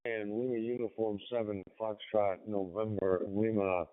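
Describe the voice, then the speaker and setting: American male ham operator, low and smooth, polite procedural delivery through narrow-band radio. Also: steady tone, normal speed. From United States, Pennsylvania. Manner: courteous, formal radio procedure. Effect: radio transmission. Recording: narrow tinny two-way radio audio.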